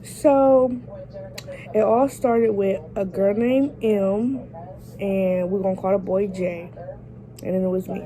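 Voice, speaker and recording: Woman, raspy morning voice, mellow tone, chatty story time to viewers. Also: medium pitch, steady tone, slow, rough recording. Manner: chatty, addresses viewers directly. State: raspy from just waking up. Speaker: vlogger.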